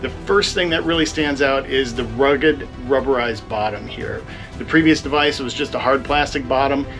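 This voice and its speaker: A man's voice: medium pitch, moderate pace. A man giving a casual hands-on review of diving equipment, explaining it as a gear reviewer. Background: guitar music.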